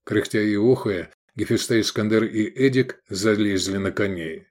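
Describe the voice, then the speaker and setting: A man's voice: on the low side, moderate pace, a little mellow. A man narrating an adventure audiobook, voicing every character expressively.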